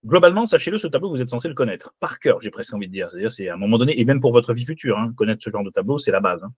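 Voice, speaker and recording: Lively male teacher, dull dry mic. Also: medium pitch, very fast, husky, no room sound. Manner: lively, checks in often with "d'accord?". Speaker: finance teacher. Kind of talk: live online class with screen sharing.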